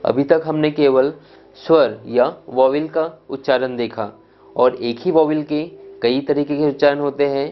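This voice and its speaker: A man teaching English pronunciation, reading out word lists one by one and often checking "clear?" with his students. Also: mid-range voice, steady tone, measured pace, dull audio, a little hiss or hum. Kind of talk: pronunciation lesson.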